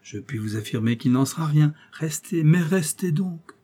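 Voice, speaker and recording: A man voicing a calm, firm male police detective who gives steady commands, in a storybook reading. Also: mid-range voice, fairly quick, close to an everyday voice. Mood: coaxing firm.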